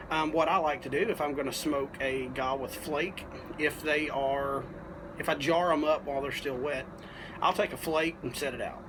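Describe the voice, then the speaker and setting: Behind clear background noise, a man talks through a casual review in a folksy, unhurried manner. His voice sits at an ordinary male pitch, and he pauses often as he explains things like a hobby reviewer on video. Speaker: pipe tobacco reviewer.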